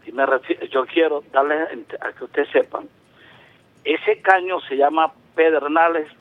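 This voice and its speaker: His voice sits on the high side and he takes his time. He's a Venezuelan man in his seventies phoning a radio program, going on at length with emphatic delivery and many restarts, all through a tinny telephone connection.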